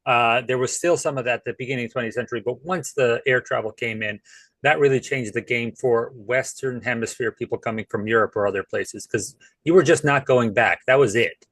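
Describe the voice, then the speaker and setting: Male panel guest, medium voice, dry close recording, measured and thoughtful delivery. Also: mid-range voice, fairly bright tone, dry recording, rough recording. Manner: thoughtful, many fillers. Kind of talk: casual panel discussion.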